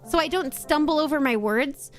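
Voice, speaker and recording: Soft background music plays as a high-pitched woman talks at a normal speed, casually chatting on stream and reading out the chat. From Australia, she has a mostly North American-sounding accent with a slight Australian edge on some words, and she laughs frequently and swears without fuss.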